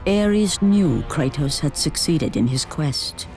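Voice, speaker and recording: A male actor delivering grave, dramatic narration of an ancient Greek war legend in a deliberate, solemn style. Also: fairly high pitch, expressive. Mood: grave, ominous. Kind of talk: solemn epic scripted narration. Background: dramatic music.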